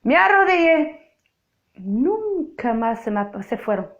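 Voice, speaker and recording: A woman's voice: high-pitched, very animated, slow, dull audio, a little hiss or hum. A woman from Portugal with a Portuguese accent, Portuguese native, giving an emphatic, repetitive spoken testimony sermon. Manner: emphatic, repeats phrases for effect.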